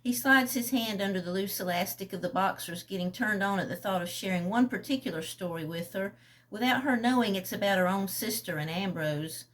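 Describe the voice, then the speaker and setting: A woman chatting casually, then reading a passage from her own novel aloud in an unhurried way. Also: mid-range voice, fairly bright tone.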